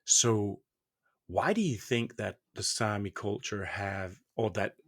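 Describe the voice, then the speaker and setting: A man's voice: fairly low pitch, slow, fairly bright tone. A man from Denmark, interviewing and searching for words as he asks questions. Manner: hesitant, searching, restarts sentences.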